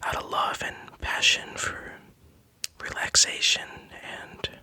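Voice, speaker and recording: Male ASMR whisperer, crisp bright sibilance, unhurried, soothing and tentative, speaking right into the listener's ear. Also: no room sound. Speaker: ASMR creator. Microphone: close-up Blue Yeti USB microphone.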